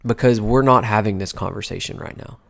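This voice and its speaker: Animated lower-voiced man co-hosting a podcast. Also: gravelly. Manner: animated, pitch jumps high when worked up; halting, restarts often. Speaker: podcast co-host. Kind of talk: casual political chat.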